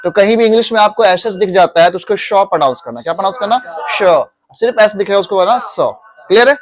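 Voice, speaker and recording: A man's voice: high voice, very fast. A male teacher in a classroom, drilling students on pronunciation and patiently repeating words, mixing English into his Hindi.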